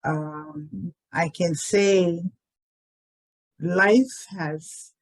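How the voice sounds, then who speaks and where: A woman tells her life story at a very slow, deliberate pace. She speaks in a lowish voice and pauses often as she gathers her thoughts. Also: poor audio. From Liberia. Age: 60s. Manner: unhurried, thoughtful, many pauses and "um"s. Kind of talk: reflective personal storytelling.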